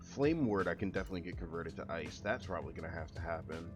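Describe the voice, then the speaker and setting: A man's voice: low-pitched, expressive, quick pace. Young guy streamer, chill gameplay chat, lots of laughs, faint music behind. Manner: laughs often, easygoing.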